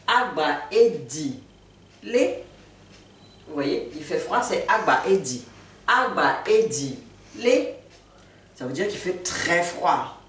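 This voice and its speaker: A woman giving a relaxed spoken language lesson, repeating each new word slowly and patiently. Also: low-pitched. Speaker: language teacher. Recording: echoey room, mic at a distance.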